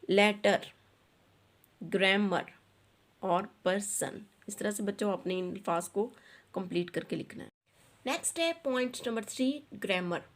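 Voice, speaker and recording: A woman teaching an online textbook lesson, reading the English lines slowly and then explaining them quickly in Urdu. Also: mid-range voice. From Pakistan.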